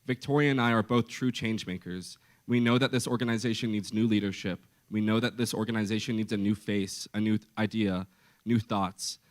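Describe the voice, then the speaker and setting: A young man with a fairly low voice makes his case to a debate audience. He is forceful and impassioned and drives his points home by repeating phrases. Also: steady tone, a little fast. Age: young adult. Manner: forceful, impassioned, rhetorical repetition. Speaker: student presidential candidate. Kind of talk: debate speech.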